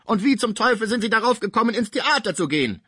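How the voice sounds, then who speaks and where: A man playing a dying old musician in an audiobook, agitated and bitter, voice strained high, husky. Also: animated, fast, sharp tone, no room sound, studio quality, heavily acted. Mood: furious. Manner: agitated, outraged outbursts. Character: sick old male musician, bedridden, frantic and bitter. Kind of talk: audiobook character voice.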